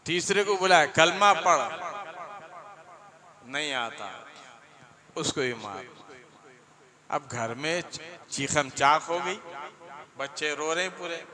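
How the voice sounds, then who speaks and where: A man preaching a sermon, telling stories and urging his listeners forcefully. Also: a little high, animated, slow pace, long pauses. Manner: storytelling, building to forceful exhortation. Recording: live crowd audible behind.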